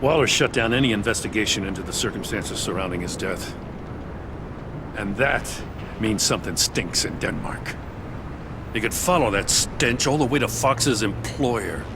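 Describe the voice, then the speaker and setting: An actor playing a gruff, world-weary middle-aged police commissioner in a video game, blunt, stubborn and exasperated. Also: male voice, lowish voice, normal speed, background noise, close to an everyday voice. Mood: accusing, insistent. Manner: blunt, exasperated, hard-boiled.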